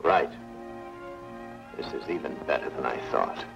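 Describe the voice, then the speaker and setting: A man's voice: a bass voice, measured pace, creaky, heavily acted. An actor playing a cold, demanding male villain plotting to take a bank. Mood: scheming. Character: scheming male villain, cold wealthy depositor. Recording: dull old TV soundtrack with music.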